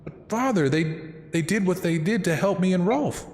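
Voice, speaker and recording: A man's voice: high-pitched, expressive, moderate pace, darkish tone, roomy sound, in a large hall, voice pushed up. A man putting on a pleading young girl.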